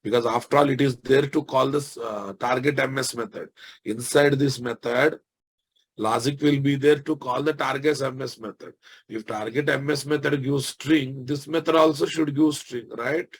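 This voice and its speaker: Telugu-accented man teaching software, often repeating himself. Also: mid-range voice, steady tone, moderate pace, breathy edge. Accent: Telugu Indian. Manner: repeats phrases and checks understanding with tag questions. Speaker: software instructor. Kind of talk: informal technical lecture.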